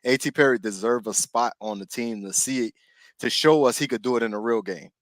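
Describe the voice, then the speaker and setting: A man's voice: mid-range voice, a little fast, no echo. A man co-hosting a casual sports podcast, talking in a laid-back way and often checking that he is understood. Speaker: podcast co-host.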